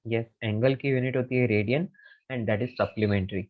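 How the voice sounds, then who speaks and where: A man's voice: medium pitch, fairly even intonation, narrow, tinny audio. A male physics teacher, giving an online class and patiently repeating key phrases. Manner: patient, repeats key phrases slowly, calls students beta.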